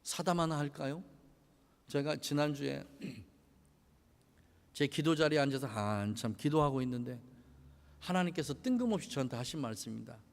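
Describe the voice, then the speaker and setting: A male pastor preaching with a high, strongly rising and falling voice, asking his congregation question after question. His sermon rings out in a church hall with a long reverb tail. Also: expressive, normal speed, gravelly, pauses often. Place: church sanctuary.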